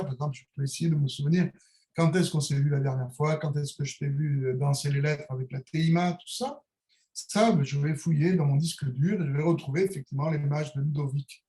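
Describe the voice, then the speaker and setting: A middle-aged man with a Niçois French accent reflects aloud, feeling his way through each idea with pauses, fillers and restarts. His voice sits a little high for a man. The room around him is echoey. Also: a little mellow. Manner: searching, hesitant, philosophical, with many fillers and restarts. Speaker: calligrapher, interview guest. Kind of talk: reflective conversational monologue.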